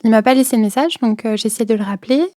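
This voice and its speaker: A woman's voice: on the high side, quick pace, dark tone, dry recording, clean studio sound. A young woman recounting a personal experience, hesitant, with many fillers and repeated words, sometimes dropping to a near whisper. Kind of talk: personal testimony.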